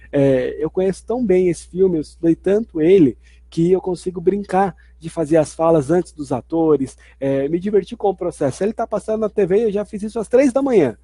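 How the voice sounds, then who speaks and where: A man's voice: a little high, warm tone, husky, no room sound. A man teaching a video lesson in an explanatory way, restating each point twice. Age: adult. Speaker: language teacher.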